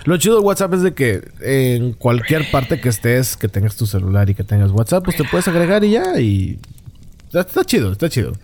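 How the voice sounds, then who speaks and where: A Mexican man hosts a loose, joking podcast chat. He throws out playful, mock-grand introductions for his co-host, and his pitch rises and dips freely. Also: very animated, a little fast, a little mellow, slight background noise. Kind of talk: casual podcast banter.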